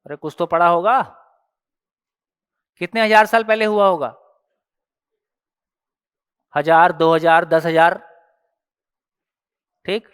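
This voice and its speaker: Smooth-voiced man teaching a workshop. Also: high voice, fairly bright tone, big-room sound. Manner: prods the audience with rhetorical questions; explains step by step with everyday examples. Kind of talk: conversational teaching talk.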